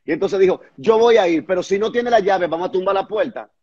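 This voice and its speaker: A pastor telling a testimony in an earnest, conversational way, stumbling over and repeating words at the hardest moments. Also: male voice, sits high, fast talker, a little mellow, highs cut off. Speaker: pastor and guest recounting a testimony.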